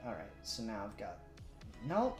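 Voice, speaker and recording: A livestreamer doing 3D modelling chats casually, mutters to themselves while working, and drops the odd swear word. The voice is medium-pitched with wildly swooping pitch and a slightly slow pace, heard in a roomy echo with music behind.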